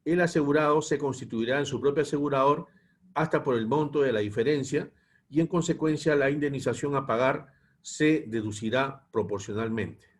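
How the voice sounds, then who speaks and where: A man with a husky, slightly rough voice lectures to a class. He reads dense technical text aloud at a measured, steady pace, pausing now and then to explain a point. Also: medium pitch. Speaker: instructor. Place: online class.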